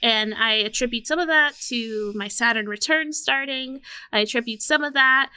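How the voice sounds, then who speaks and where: A woman's voice: on the high side, normal speed, pushed and bright, clear, resonant tone. A woman in her late twenties co-hosting a podcast, talking reflectively in casual chat and often restarting her phrases. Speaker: podcast co-host.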